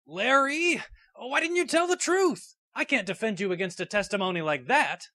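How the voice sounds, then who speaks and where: A man's voice: very high-pitched, animated, moderate pace, pushed and bright, heavily acted. A man playing an earnest, nervous young rookie defense lawyer in a courtroom game fan dub. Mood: nervous, unsure. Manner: hesitant stammer, bursts into bold objections. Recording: music under the voice.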